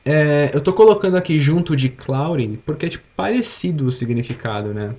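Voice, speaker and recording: A man's voice: on the high side, expressive, brisk, a little mellow. A young Brazilian man with a Brazilian Portuguese accent, teaching an English lesson on a live stream and having the class repeat words after him. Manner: explains patiently, drills words and asks the class to repeat.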